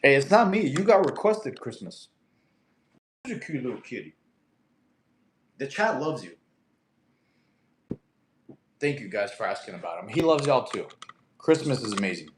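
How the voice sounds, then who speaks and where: A Russian-speaking livestream host in his thirties talks at a normal speed with a medium pitch, sounding very animated and pausing often. He's easygoing and chatty, reads comments, laughs frequently, and talks to his cat, with noisy background in an echoey room.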